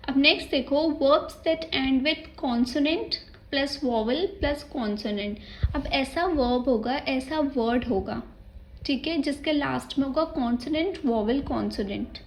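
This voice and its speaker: High-voiced Indian woman teaching grammar. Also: slight background noise, rough recording. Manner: explains step by step, spelling words letter by letter; mixes English terms into Hindi speech. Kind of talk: exam-prep grammar lesson.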